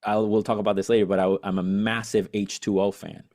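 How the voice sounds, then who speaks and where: A Venezuelan musician appears as a guest on a podcast, talking in a lowish, level voice at a quick pace with a darkish tone. It's a casual interview chat, and he rambles eagerly with many fillers and restarts.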